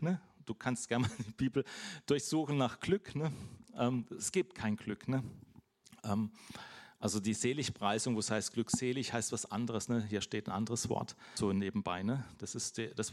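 A man preaching an informal sermon, chatty and direct, with everyday examples and frequent "ne?" tags. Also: medium pitch.

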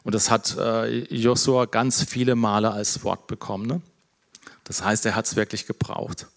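A man preaching in a relaxed, conversational sermon. He keeps checking in with his listeners with a quick "ne?". His delivery is thoughtful and low-key, with frequent fillers and self-corrections. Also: vocal fry. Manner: conversational, tags nearly every phrase with "ne?", many fillers and restarts; calls himself introverted, talks in a thoughtful, low-key way. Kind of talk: informal sermon.

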